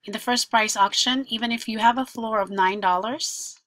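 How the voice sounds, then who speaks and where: A woman's voice: fairly high pitch, moderate pace, a bit bright, dry recording. A woman presenting a screen-share tutorial, talking through each example step by step in an explanatory way.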